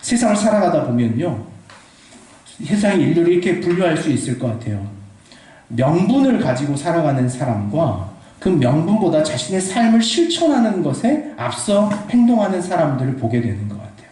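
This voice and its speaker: Male pastor, high and lively delivery, sermon, distant mic, very reverberant church hall. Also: fairly quick. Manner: animated, playful storytelling with quoted voices. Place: church sanctuary.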